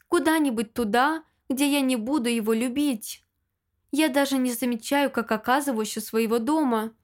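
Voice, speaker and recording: A woman with a fairly high voice reads first-person audiobook narration. Her delivery is emotional and dramatic, leaning into every line.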